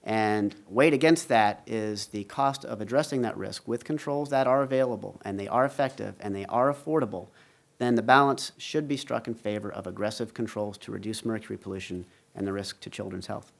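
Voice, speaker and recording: A man giving a conference talk on a panel, walking the audience through slides in a measured way. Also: lowish voice, creaky. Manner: measured, explains slide graphs. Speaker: panel speaker. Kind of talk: conference presentation.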